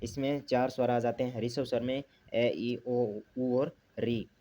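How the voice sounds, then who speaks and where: A man's voice: medium pitch, fairly even intonation, takes it slowly, warm tone. A man teaching a grammar lesson, asking himself questions and repeating the key terms. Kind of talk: classroom lesson explanation.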